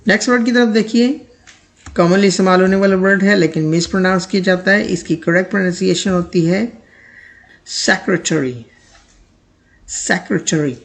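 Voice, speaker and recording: A man teaching English pronunciation in a lesson, speaking, who repeats each word slowly and then reads out an example sentence. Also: sits high, steady tone.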